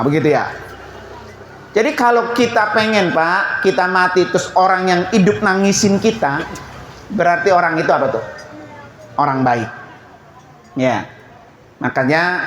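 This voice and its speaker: A man's voice: high-pitched, a bit bright. A man preaching at a memorial prayer gathering. He talks in a colloquial way, asking the crowd questions and answering them himself. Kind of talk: sermon at a seven-day memorial prayer gathering. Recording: echoey room with faint background noise.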